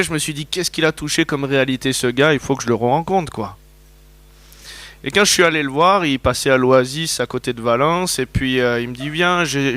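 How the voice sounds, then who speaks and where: A man preaching to a congregation, his pitch sitting right in the middle for a man. He tells long personal stories in an easy, conversational way and keeps checking that the listeners agree. It sounds like a relaxed, talking-style sermon. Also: no echo. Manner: storytelling, conversational, asks the audience questions.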